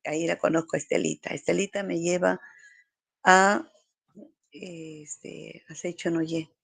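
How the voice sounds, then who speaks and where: A middle-aged woman gives a personal spiritual testimony to a small group. Her voice has a heavy, gravelly fry and sounds dry and close. She talks in a reflective, halting way, pausing often on fillers. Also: on the low side, steady tone, fairly bright tone, no echo. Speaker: group member sharing testimony.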